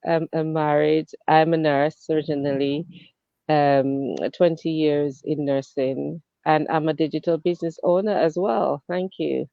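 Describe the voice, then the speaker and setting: A woman's voice: low voice, steady tone, unhurried, vocal fry, dark tone, no echo. A woman from Jamaica, a nurse, introducing herself cheerfully on an online panel. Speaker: panel guest. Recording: dry, phone-like line.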